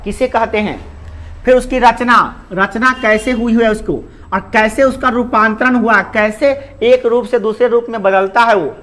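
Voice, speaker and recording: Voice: mid-range voice, pushed and bright. Give me an adult grammar teacher with a mid-range voice, lecturing a class and answering their own questions. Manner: asks questions and answers them, code-mixes English words.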